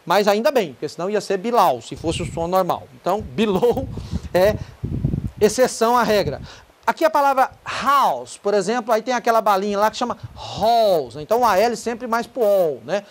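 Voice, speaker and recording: A middle-aged Brazilian man gives a relaxed English pronunciation lesson. He explains step by step, says each example word slowly and repeats it several times. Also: high voice, a little hiss or hum. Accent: Brazilian Portuguese. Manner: explains patiently, then sings short song lines with a guitar. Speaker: English teacher. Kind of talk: casual video lesson.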